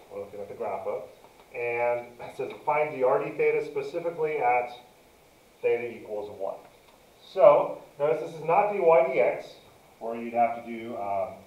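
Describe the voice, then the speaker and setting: A man's voice: mid-range voice, a little mellow, slight background noise. Guy teaching math, kinda far from the mic w/ echoey room, dictating steps bit by bit. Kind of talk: step-by-step lesson narration, working through a problem. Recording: dull, roomy, distant mic.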